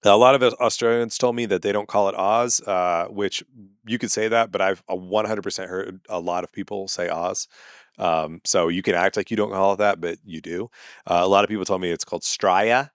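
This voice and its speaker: Male comedian, lowish voice, dry close sound, casual wry storytelling full of fillers. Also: steady tone, brisk, clean tone, no room sound.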